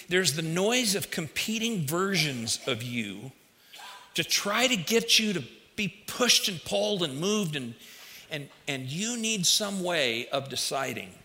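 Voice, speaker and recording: A man with a fairly high, bright voice delivers a folksy, conversational sermon straight to his listeners. His speech is slightly affected by a dental retainer he is wearing. The sound carries the long reverb of a big hall. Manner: folksy, direct address to listeners with anecdotes. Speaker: preacher. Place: large hall, speaking to a congregation.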